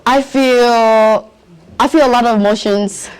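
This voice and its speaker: Young adult, interviewee, earnest, halting, medium pitch. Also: steady tone, clean tone, poor audio. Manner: earnest, searching for words. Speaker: youth interviewee at a community event. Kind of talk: casual interview answers.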